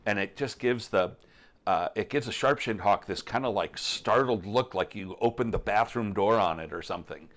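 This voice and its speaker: A middle-aged man with a fairly low voice co-hosts a casual live stream about birds. He explains in a relaxed, rambling way, often restarting his sentences. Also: normal speed. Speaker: co-host answering bird questions.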